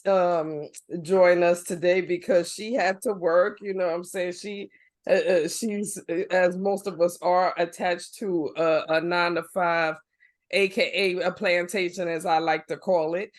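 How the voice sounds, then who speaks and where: A man's voice: high voice, steady tone, unhurried. A man hosting a podcast in casual chat, slangy and wordy, often hesitating as he goes. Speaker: podcast host.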